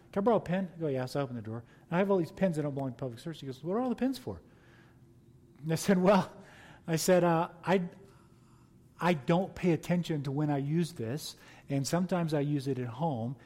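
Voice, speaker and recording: A man's voice: on the high side, a little mellow. A middle-aged man, a pastor and seminary teacher, telling personal stories in an easygoing, anecdotal way during an interview. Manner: folksy anecdotal storytelling with laughs. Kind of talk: storytelling interview answer.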